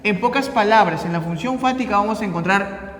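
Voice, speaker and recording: A man with a high voice and a Peruvian Spanish accent gives a lecture to his students. He leans on key words slowly, then lets his voice drop away, and keeps asking "¿ya?" to check they follow. The room is echoey, with a long reverb tail. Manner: explains with repeated checks like ¿ya? and ¿no?; stresses key terms slowly, then trails off quieter. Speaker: teacher.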